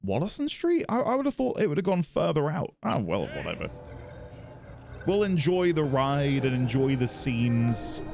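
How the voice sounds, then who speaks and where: A man's voice: a little high, very animated, moderate pace, gravelly, a little mellow. A man giving casual, musing gameplay commentary as a let's play host, chatty and prone to mild swearing. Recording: game music behind the voice.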